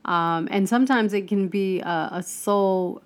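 A woman giving a casual spiritual self-help talk, conversational, with many fillers and restarts and animated, mock-exasperated asides. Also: mid-range voice, unhurried.

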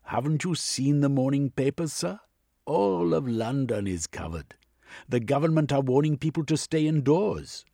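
A polite, formal Victorian butler, as a male storyteller voices him, speaking up louder than the narration with a gravelly edge. Recorded dry and close. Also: mid-range voice, expressive, moderate pace, no echo, voice pushed up. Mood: deferential.

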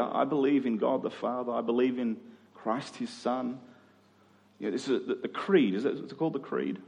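A middle-aged man with a slightly high voice preaches in a conversational, expository way, using rhetorical questions and emphatic repetition. A long hall reverb hangs on the recording.

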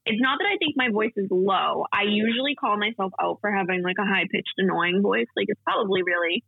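A young woman co-hosting a podcast, chatting casually with a slightly gravelly voice and lots of fillers. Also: medium pitch, fairly quick, dry recording. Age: young adult. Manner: chatty, laughs often, many fillers. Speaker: podcast co-host. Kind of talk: casual chat. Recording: tinny phone-like sound.

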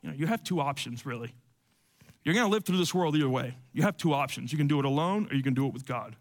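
High-pitched male preacher, casual but emphatic sermon delivery. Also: animated, quick pace. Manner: conversational, emphatic, repeats phrases.

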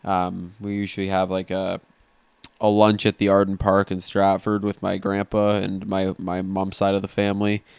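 A man's voice: low voice, completely flat delivery, moderate pace, creaky, darkish tone, clear, resonant tone, no room sound. A young man in his twenties co-hosting a podcast, chatting casually and hesitantly with many fillers. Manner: hesitant, lots of ums and likes. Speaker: podcast co-host. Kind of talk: casual chat.

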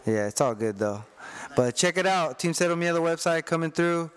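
A man's voice: on the high side, animated, moderate pace, clean tone. A man co-hosting a cycling podcast in an easygoing, encouraging way, full of slang. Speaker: podcast co-host. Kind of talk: casual chat.

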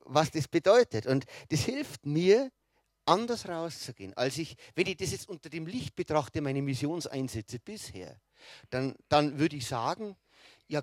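A man's voice: fairly high pitch, no room sound. A man preaching a sermon in a conversational way, often checking in with his listeners and restarting his phrases.

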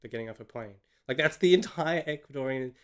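A man's voice: mid-range voice, quick pace, fairly bright tone, clean tone. A man with an Australian accent, co-hosting a casual film review chat and picking apart a movie in a sardonic, rambling way. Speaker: podcast co-host.

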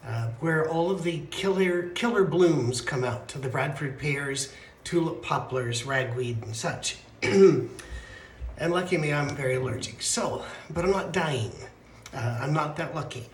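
A man's voice: fairly high pitch, a little slow. A man teaching a midweek Bible class with a congested, stuffy voice, as if talking from the bottom of a well. His teaching is chatty and rambling, with asides. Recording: echoey room with faint noise.

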